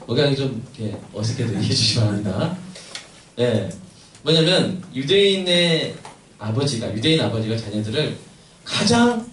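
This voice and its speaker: A man's voice: medium pitch, a bit bright. A man who is a senior pastor, giving a conversational Sunday sermon and prayer in a church sanctuary and often putting questions to the congregation. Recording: echoey hall, mic at a distance, faint hiss.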